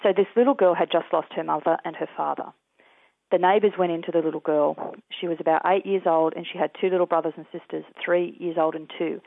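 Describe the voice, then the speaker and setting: An Australian man, a guest in an interview, telling his experiences in an earnest, measured way. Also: fairly high pitch, steady tone, gravelly, no echo. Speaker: guest, peace activist. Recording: tinny dry phone line.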